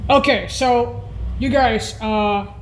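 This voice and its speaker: Hesitant and unscripted, a woman presents an informal walkthrough on camera, repeating herself, correcting herself and clearing her throat again and again. Her voice is fairly high and her pace slow, and the rough recording carries slight background noise.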